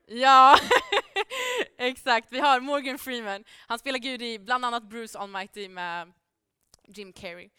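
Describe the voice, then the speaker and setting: Bright, crisp-voiced woman preaching. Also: on the high side, lively intonation, dry recording, studio quality. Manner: casual and chatty, with many fillers and frequent laughs. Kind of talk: informal sermon to a congregation.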